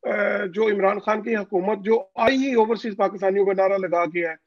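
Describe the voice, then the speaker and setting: A high-pitched man from Pakistan talks over a phone call line as an interview guest. His voice comes through muffled and completely dry, with no room around it. He presses his points insistently, with frequent hesitant fillers. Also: fairly even intonation, moderate pace, no room sound. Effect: voice heard over a phone call line. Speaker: interview guest, overseas community leader. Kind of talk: political interview.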